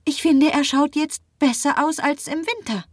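A woman doing an eager, high-voiced young woman. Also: normal speed, no room sound, clean studio sound, close to an everyday voice. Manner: eager and pleading. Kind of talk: audiobook reading.

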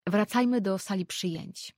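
A guarded young healer-priestess from a storybook, as a woman reader plays her, keeping her replies brisk and matter-of-fact. The voice carries a gravelly, husky texture and sounds close and dry. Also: mid-range voice, a little mellow, no echo, lightly acted.

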